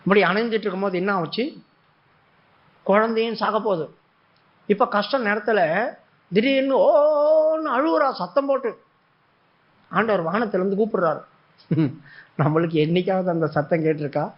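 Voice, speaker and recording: High pitched guy giving a sermon, acts out the prayers, dialect, muffled recording. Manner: dramatic, acts out prayers and God's replies. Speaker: preacher.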